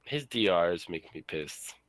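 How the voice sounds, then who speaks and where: A man's voice: low-pitched, animated, a bit bright, no room sound. A man, a former reality show contestant, co-hosting a casual, profane chat about reality TV, with blunt, grumbling complaints. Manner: blunt, grumbling, quick asides.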